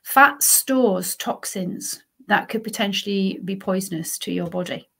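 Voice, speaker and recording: A woman's voice: mid-range voice, creaky, a bit bright. A woman, a lifestyle coach hosting a solo podcast and explaining things in a conversational, emphatic way. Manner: conversational, emphatic, checks in with "okay" and "right".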